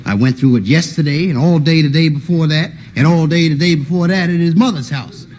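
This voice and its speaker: A man's voice: fairly high pitch, brisk, a little mellow, lightly acted. A man voicing a brash, sassy wife in a comedy monologue, bossy and exasperated. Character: brash, sassy, quick-witted cheating wife. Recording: noisy old live stage recording.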